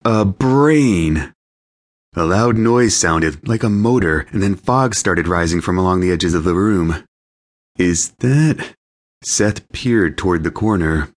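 A man narrating a romance audiobook in first person, in a lively, amused storytelling manner. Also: low-pitched, moderate pace, hardly any pauses.

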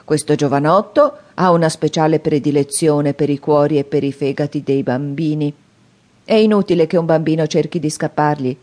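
Donna che fa un forzato minaccioso e affamato. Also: female voice, low-pitched, lightly acted. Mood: threatening. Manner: loud, threatening, drawn-out demands. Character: menacing hungry male convict, rough and threatening.

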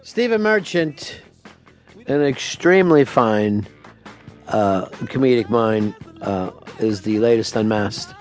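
A man's voice: on the low side, animated, slow pace, soft background music. A man hosting a talk radio show, trading sarcastic, profane jabs with his co-hosts in the studio. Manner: teasing, sarcastic, swears freely.

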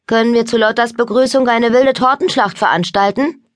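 A woman's voice: fairly high pitch, fairly quick, no room sound, studio quality, pitched above the performer's own voice, lightly acted. Woman doing a cheeky, suspicious boy. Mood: wary, cheeky. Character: mischievous, suspicious boy cousin.

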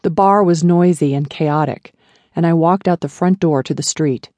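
Warm, low-voiced woman narrating a memoir. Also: normal speed, no echo. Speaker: audiobook narrator.

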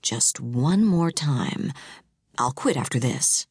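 A cold, controlling young husband, as a woman narrator puts him on, speaking low and slow in a flat, hushed tone. The voice is deep for a woman and sits dry and close. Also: slightly rough, no room sound, full character voice.

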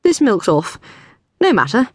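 A flamboyant, gushing PR woman, put on by an audiobook narrator, fluting up high and lilting all over the place. Her delivery is effusive and theatrical, drawing words out, and the voice is close and dry with no room sound. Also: sing-song, unhurried, slightly rough, dry recording, heavily acted. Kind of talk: audiobook character voice.

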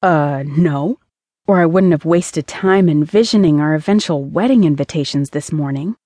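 A woman's voice: low voice, moderate pace, mellow, no echo. A woman voicing a hopeful, romantic young woman in an audiobook, speaking earnestly and pleadingly.

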